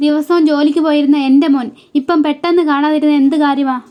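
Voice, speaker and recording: A woman reading the lines of an angry older father who bitterly accuses his relatives, in her own high voice. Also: fairly even intonation, quick pace, dark tone, lightly acted. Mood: accusing.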